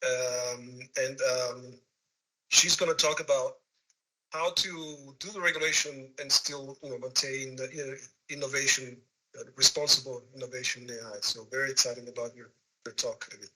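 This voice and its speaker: A man hosting an online session informally, speaking haltingly and repeating words as he introduces and moderates. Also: mid-range voice, steady tone, sharp tone, poor audio. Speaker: host, moderator.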